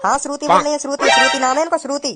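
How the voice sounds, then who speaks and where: A woman's voice: sits high, fairly even intonation, natural voice. A woman voicing a young man who defends his lisping girlfriend in a cartoon. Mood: pleading. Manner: quick, pleading, explains. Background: background music.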